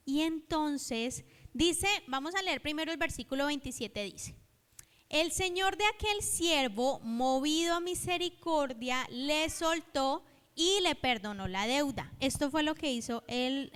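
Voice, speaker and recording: A woman's voice: high voice, fairly bright tone. A woman preacher giving a sermon, telling a parable and acting out its dialogue, and calling on the congregation to repeat after her. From Colombia. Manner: storytelling, acts out the dialogue of the parable. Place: church hall. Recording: hall reverb in a church.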